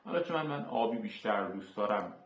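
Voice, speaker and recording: A man hosting a screen-recorded software tutorial, explaining each term step by step with filler sounds. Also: on the low side, lively intonation. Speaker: tutorial host. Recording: echoey, dull lo-fi room.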